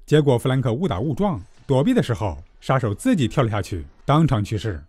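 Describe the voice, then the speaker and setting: A man giving a scripted, comedic movie recap narration with tongue-in-cheek, deadpan joking. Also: mid-range voice, brisk, husky, no echo.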